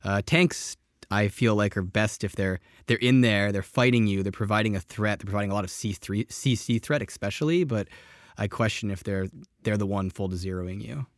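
Low-voiced man explaining at length. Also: fairly quick, no echo, clean studio sound. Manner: earnest, explains at length with restarts. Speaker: game designer. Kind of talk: casual panel discussion.

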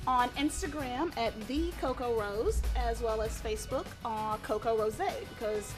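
A woman showgirl talks casually in an interview. Her voice is high, and music is clearly audible behind her. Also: measured pace. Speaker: traveling showgirl being interviewed.

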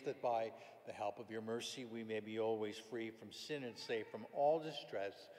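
A man's mid-pitched voice prays as a priest in a long cathedral echo with some background noise. He recites the liturgy formally and solemnly, measuring his phrases and swelling on key words. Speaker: priest celebrating Mass. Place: large reverberant church.

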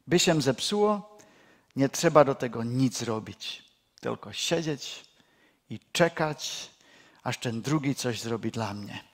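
Slow, measured male preacher. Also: a little high. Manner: slow, measured delivery with pauses. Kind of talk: sermon.

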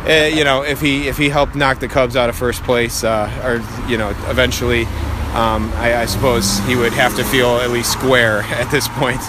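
A man co-hosting a casual sports podcast with wry, resigned griping, recorded in low quality while walking outdoors by traffic. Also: little pitch movement, normal speed. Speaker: podcast co-host. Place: outdoors walking along a busy city street at night. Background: passing traffic.

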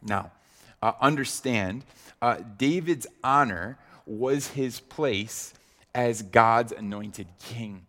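Slow-speaking male preacher, long reverb. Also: mid-range voice, fairly bright tone. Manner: slow, deliberate preaching with frequent "uh" fillers and repetitions. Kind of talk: sermon on a psalm.

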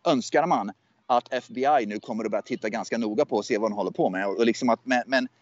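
A man's voice: lowish voice, no room sound, lo-fi sound. A man in casual political chat, speaking as a US correspondent, often hesitant, repeating and restarting his words. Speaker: USA correspondent. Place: southwestern USA.

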